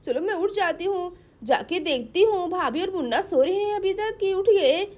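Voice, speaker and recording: A woman's voice: very high-pitched, expressive, normal speed, darkish tone. Pinky, a woman doing an anxious young woman. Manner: fretful, urgent calling. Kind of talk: doll play storytelling.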